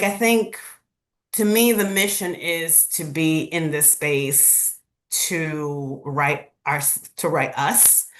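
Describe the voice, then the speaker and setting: Low-voiced woman in her forties. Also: a bit bright. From Dominican Republic. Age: 40s. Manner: quick, many "like" fillers and restarts. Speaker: romance author, panelist. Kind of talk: conversational panel talk. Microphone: video call.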